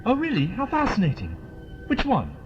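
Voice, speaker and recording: A man's voice: high voice, wildly swooping pitch, normal speed. A man playing an eccentric, genial alien scientist in an audio drama, with theatrical, wordy politeness. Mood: delighted. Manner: theatrical, whimsical, old-fashioned wordy politeness. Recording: dull lo-fi with loud music behind.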